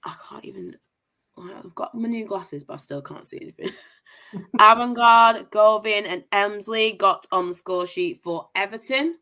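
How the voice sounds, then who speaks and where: On a casual livestream, the young host of a women's football review show lists scores with upbeat enthusiasm. She's from Manchester, England, sounds posh, and has an unhurried, medium-pitched voice with a bright, forceful tone.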